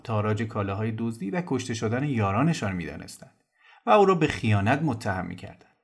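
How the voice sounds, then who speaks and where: A man narrating a novel in a calm, measured storytelling voice. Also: medium pitch, slightly rough.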